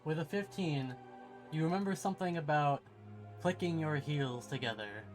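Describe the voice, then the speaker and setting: A man narrating a tabletop roleplaying game as game master, in a deliberate, suspenseful and theatrical way. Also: fairly high pitch. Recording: music behind the voice.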